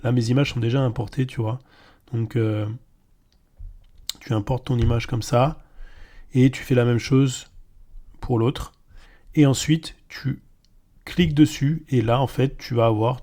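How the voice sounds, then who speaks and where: A tutorial host with a mellow, mid-range male voice walks the viewer through an AI video tool in a screen recording. His style is relaxed and informal: he talks straight to the viewer using "tu," with lots of fillers and frequent hesitations.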